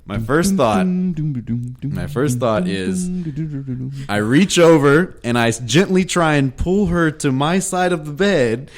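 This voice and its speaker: A man's voice: fairly high pitch, animated, takes it slowly. A man co-hosting a podcast, telling a crude story in a casual, profane way, laughing often and acting out quoted dialogue. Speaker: podcast co-host.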